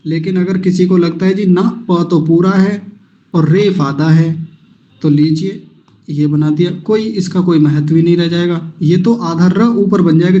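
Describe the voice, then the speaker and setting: A man's voice: sits high, dark tone, muffled recording. A man teaching Sanskrit verse recitation in an online class, breaking words into syllables patiently and having students repeat after him. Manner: patient, slow, syllable-by-syllable pronunciation drills.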